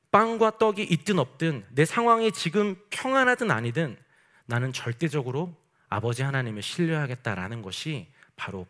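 A man's voice: on the high side, a bit bright. A man preaching a night sermon as pastor, emphatic and asking the congregation rhetorical questions. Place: church service at night.

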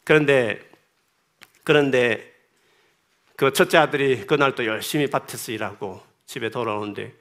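A man's voice: medium pitch, moderate pace, pauses often, fairly bright tone. A male pastor preaching a sermon in an impassioned way, climbing to emphatic outbursts.

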